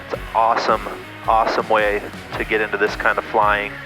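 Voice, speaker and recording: A man's voice: lowish voice, completely flat delivery, fairly quick, music in the background, rough recording. A man talking casually to viewers as a pilot and host, thinking aloud and narrating what he does in a small plane cockpit. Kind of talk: casual vlog talk to viewers while flying. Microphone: aviation headset.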